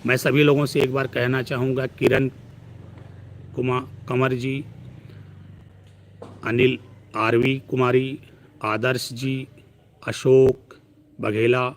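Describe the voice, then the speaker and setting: A man giving a preachy live-stream astrology talk who piles up long lists of words. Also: mid-range voice.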